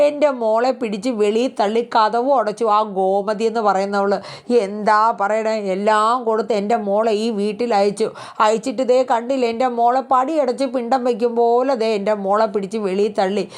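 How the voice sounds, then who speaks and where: A woman's voice: fairly high pitch, steady tone, normal speed, lightly acted. A woman voicing a middle-aged mother who wails and laments over her daughter's fate, in a dramatic tone. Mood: lamenting.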